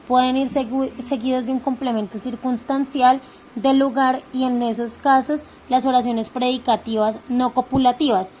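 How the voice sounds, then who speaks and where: A woman's voice: sits high, fairly even intonation, moderate pace, darkish tone, a little hiss or hum. A woman explaining verb types in a lesson, careful and with small restarts on words.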